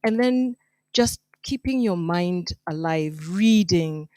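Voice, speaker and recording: A woman's voice: lowish voice, animated, slow, dark tone, dry recording. A woman who heads human resources answering on a panel, hesitant with many ums and restarts.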